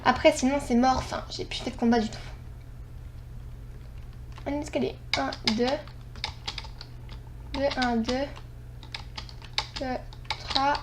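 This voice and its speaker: A woman hosting a gaming channel, chatting casually through her gameplay, excitable and rambling, often correcting herself. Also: sits high, slow, long pauses, background noise.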